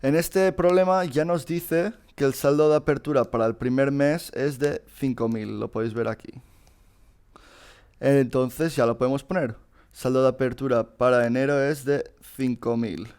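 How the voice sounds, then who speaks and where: Man explaining exam step by step, smooth voice. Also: medium pitch, normal speed, darkish tone. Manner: informal, addresses students directly, frequent fillers and restarts. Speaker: teacher solving a past exam. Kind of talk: casual screen-recorded lesson.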